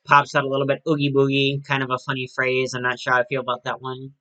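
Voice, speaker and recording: A man's voice: medium pitch, monotone, fast, pushed and bright, rough recording. A man giving a casual, chatty video review, often restarting and correcting himself mid-sentence. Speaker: toy and prop reviewer.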